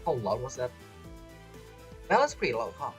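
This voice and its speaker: Thinking aloud at a normal speed, a male streamer gives relaxed, meandering gameplay commentary. He has a medium-pitched, sing-song voice. Game music can be heard faintly in the background.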